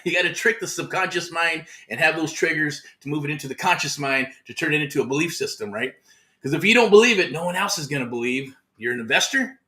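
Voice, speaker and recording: Bright, forceful and on the high side, this man's voice comes from Southern California. He's a real estate mentor hosting a motivational livestream outdoors in the heat, upbeat and repetitive and full of pep-talk slang.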